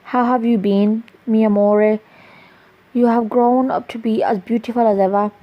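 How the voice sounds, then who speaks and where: A man's voice: high-pitched, steady tone, moderate pace, close to an everyday voice. Woman reading as a tender young wolf-shifter man. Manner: tender, pleading, sprinkled with Spanish endearments. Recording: dull lo-fi recording.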